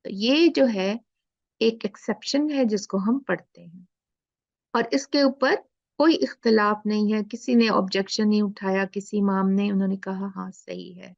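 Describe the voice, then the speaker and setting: A woman teaching a Quran recitation lesson, drawing out the letter sounds slowly as she demonstrates them. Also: medium pitch, creaky, dry recording. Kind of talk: explaining a lesson. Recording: dull lo-fi recording.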